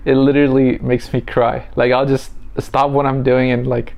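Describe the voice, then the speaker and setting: A man co-hosting a podcast with his partner, talking in a rambling, halting, joking way. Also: medium pitch, little pitch movement, creaky, darkish tone. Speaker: podcast co-host. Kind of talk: casual couple chat.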